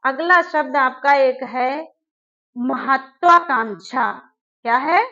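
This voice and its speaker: Slow, bright-voiced woman teaching spelling. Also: high-pitched, lo-fi sound. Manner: asks the class questions and answers them herself, slowly repeating each word. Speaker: Hindi teacher. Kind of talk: exam-prep spelling lesson.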